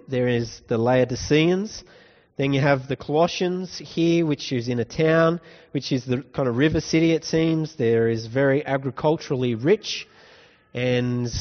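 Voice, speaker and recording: A male pastor giving a conversational sermon, often asking the congregation questions. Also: medium pitch. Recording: dull recording with long hall reverb.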